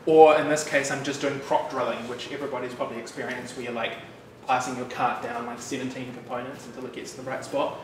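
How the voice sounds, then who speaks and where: This New Zealand man, a developer presenting at a meetup, talks fast and barely pauses, his mid-range voice relaxed and chatty with lots of fillers and tangents. The casual technical talk takes place before an audience in a bright, loft-like office. A room mic picks him up from a distance, giving an echoey sound with background noise.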